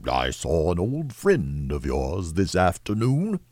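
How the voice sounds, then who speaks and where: A man's voice: deep voice, slow pace, darkish tone, dry recording, pitched below the performer's own voice. A man voicing a genial, contented husband in an audiobook, speaking in an easy, conversational way. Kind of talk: audiobook character voice.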